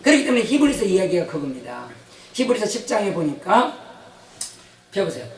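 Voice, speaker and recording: A male pastor giving an animated sermon in a church, questioning the congregation as he tells stories. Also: high voice, brisk. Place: church sanctuary. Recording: echoey church hall, mic from a distance.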